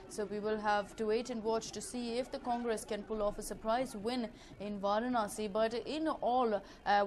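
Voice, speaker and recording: A woman with an Indian English accent gives live news commentary as a TV reporter, improvising with frequent hesitant, drawn-out pauses. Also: on the high side, darkish tone. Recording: clearly noisy live broadcast ambience.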